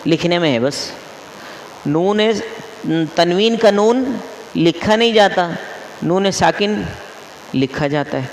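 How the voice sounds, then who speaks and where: Man, mufti, classroom lesson, quizzes and repeats rules, gravelly, roomy echo. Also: sits high, lively intonation, long pauses, slight background noise. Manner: quizzes listeners, repeats each rule. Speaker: mufti teaching Quran recitation rules. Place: mosque hall. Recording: echoey hall with long reverb.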